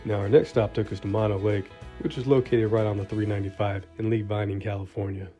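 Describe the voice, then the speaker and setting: A man's voice: fairly low pitch, little pitch movement, quick pace, dark tone. A man narrating a travel vlog in a scripted voice-over, informative with dry asides. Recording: dull lo-fi voice-over with music.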